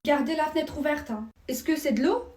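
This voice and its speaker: A woman's voice: sits high, brisk, a little mellow, echoey room, distant mic, natural voice. A woman voicing a suspicious mother who pries into her teenage daughter's business with fake politeness, in a comedy sketch. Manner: prying, sing-song fake politeness. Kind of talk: comedy sketch role-play.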